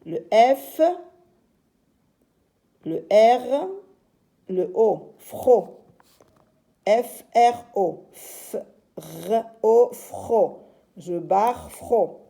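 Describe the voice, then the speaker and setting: A woman teacher giving a slow, patient reading lesson to young children, sounding out each syllable. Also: medium pitch, lively intonation, warm tone.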